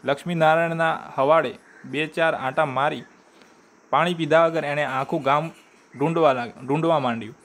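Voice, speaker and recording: A man reading a short story aloud in a measured way, sometimes stopping to restart a word. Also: on the high side, fairly even intonation, fairly bright tone.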